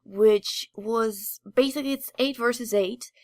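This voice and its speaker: The recording is dry, and the woman's fairly high voice is a little mellow, with a measured pace. She's a podcast co-host chatting casually and hesitantly about games, rambling a bit.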